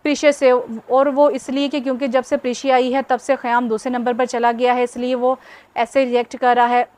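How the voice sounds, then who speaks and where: A woman reading the lines of a calm, gently amused young father in an audio novel. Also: on the high side, normal speed, lightly acted. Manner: gentle, reasoning.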